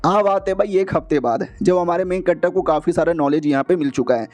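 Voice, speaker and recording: A man casually retelling a comic story in a chatty, slangy, joking way, slipping into quick voices for the characters. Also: high-pitched, darkish tone. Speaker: manhua recap narrator.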